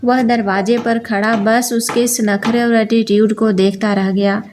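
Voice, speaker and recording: A woman reads a romantic story aloud in a steady, even scripted manner. Her voice sits a little high. A faint hiss and some clicks run underneath. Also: a little slow. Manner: steady, even reading that voices both characters.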